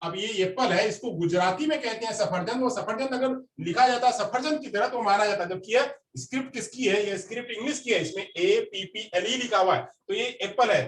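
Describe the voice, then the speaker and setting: High-voiced man lecturing a class. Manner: repeats phrases, quizzes the class. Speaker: teacher. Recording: roomy classroom recorded from a distance.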